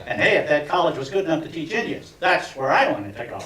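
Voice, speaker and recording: A man in his seventies doing a stand-up routine for fellow alumni, telling tongue-in-cheek stories with deadpan punchlines. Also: fairly high pitch, fast talker, recorded from a distance. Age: 70s. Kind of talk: stand-up comedy. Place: reunion event hall with audience. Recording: echoey room miked from afar, crowd laughter.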